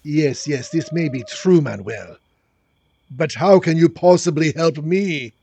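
A man voicing a ruined, bitter aristocrat count who speaks in a slow, brooding, melodramatic way. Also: a little high, gravelly, dark tone, breathy edge, no room sound, exaggerated voice.

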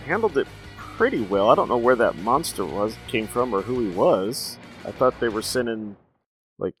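A man's voice: mid-range voice, a bit bright. A man hosting casual, informal reaction commentary on television episodes, talking in a chatty way. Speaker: reaction host.

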